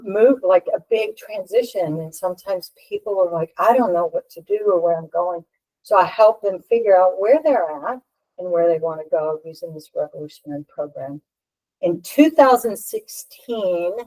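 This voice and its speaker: Middle-aged woman chatting her story out, lowish voice, laughs a lot, does little voices for people. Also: low-quality recording. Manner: animated, laughing, acts out quoted voices. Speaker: featured healer guest. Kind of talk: casual personal storytelling.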